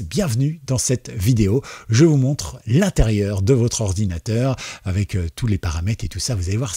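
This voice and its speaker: A man with a mellow, slightly husky voice walks viewers through a software tutorial in a relaxed, chatty way. His speech is full of fillers and asides. The recording is dry and close to the mic. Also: mid-range voice, no room sound. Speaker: tech tutorial host.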